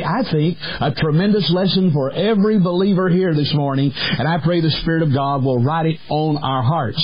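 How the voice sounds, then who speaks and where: A man's voice: a little high, slight background noise. A man preaching a sermon at a pulpit microphone, with an emphatic, repetitive cadence. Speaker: pastor. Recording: dull lo-fi archival radio broadcast.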